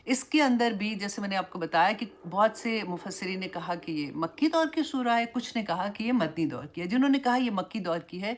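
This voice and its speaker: A woman's voice: mid-range voice, expressive, few pauses. Woman teaching a Quran lesson, storytelling. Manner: storytelling, mixes English phrases into Urdu. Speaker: Islamic teacher.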